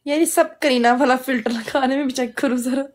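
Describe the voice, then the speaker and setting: A woman with a high voice chats casually and playfully. She keeps asking short questions while a photo is set up. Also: steady tone, fairly quick. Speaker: vlogger. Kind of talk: casual chat.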